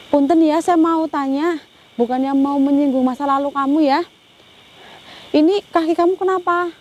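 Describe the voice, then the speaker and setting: A young woman on a ghost-hunting vlog, talking softly and with pity to an unseen spirit and often breaking into Islamic exclamations. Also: sits high. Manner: hushed and pitying, with frequent Islamic exclamations.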